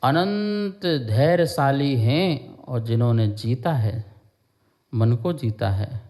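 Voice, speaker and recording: A man teaching a devotional lesson, slowly explaining a hymn verse by verse, chanting lines and drilling their pronunciation. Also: mid-range voice, darkish tone. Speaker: Jain monk teaching scripture.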